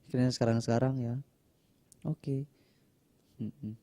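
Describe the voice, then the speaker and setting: A young man, speaking as a monk who answers questions in a relaxed, chatty way. His voice is very dark and mellow, at a middle pitch. He speaks without a microphone, so he sometimes comes through quieter. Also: unhurried. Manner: chatty, acts out quoted people with raised pitch. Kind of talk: casual storytelling in a Q&A talk.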